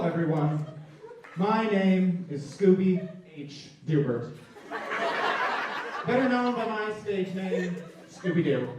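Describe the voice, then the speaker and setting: A man's voice: high voice, darkish tone. A young actor playing Scooby-Doo as a worldly male dog narrating his memoir on stage, with a dry, sardonic delivery. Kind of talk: live stage performance. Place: theater stage. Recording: echoey hall from far off.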